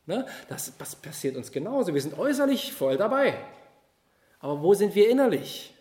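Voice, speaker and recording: High-voiced man preaching in an echoing room. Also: moderate pace. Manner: animated, swings between loud emphasis and quiet asides; addresses listeners directly with rhetorical questions. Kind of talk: sermon at a youth Easter retreat.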